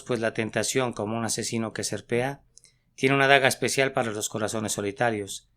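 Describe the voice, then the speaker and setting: A man reading a sermon aloud with an earnest, measured preaching delivery. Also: medium pitch, a bit bright, smooth. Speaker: sermon reader.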